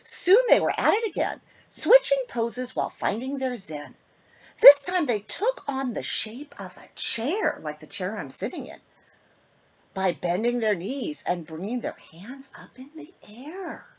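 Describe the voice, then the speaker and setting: An author reads her own picture book aloud to children in a fairly high, breathy voice. Her pitch swoops wildly in a sing-song storytelling melody, and she takes her time, often letting phrase endings drop softly.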